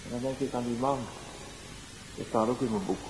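A male evangelist, giving a sermon with personal testimony, going from soft storytelling to loud exclaiming. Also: mid-range voice, a little fast. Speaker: evangelist preacher. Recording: roomy echo, faint background noise.

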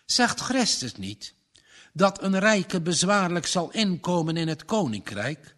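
A man voicing a farmer's earnest young son who stays calm and firm. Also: sits high, slow, exaggerated voice. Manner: steady, earnest.

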